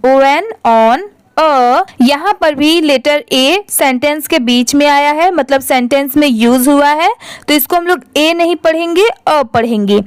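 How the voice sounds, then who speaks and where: A woman's voice: sits high, no room sound, clean studio sound. A woman teaching a reading lesson, spelling words out letter by letter and asking and answering her own questions.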